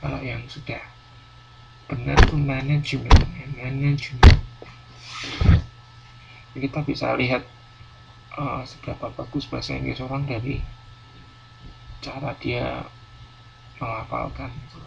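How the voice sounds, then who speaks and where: A man's voice: medium pitch, little pitch movement, moderate pace, vocal fry, long pauses. A male university lecturer teaching a class, explaining patiently and repeating words with many fillers. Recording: dull lo-fi classroom recording, faint noise.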